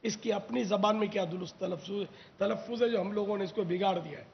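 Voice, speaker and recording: A high, gravelly-voiced man from Pakistan hosts a religious TV talk, explaining words slowly and quizzing his listeners. The audio is dull and lo-fi. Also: a little hiss or hum. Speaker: religious scholar host.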